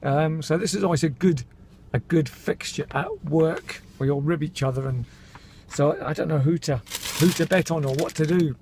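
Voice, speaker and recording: A man's voice: a little high, normal speed, background noise. A middle-aged man, born in Scotland and raised in England, chatting casually to camera in a daily vlog, self-mocking and calling his viewers folks. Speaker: vlogger.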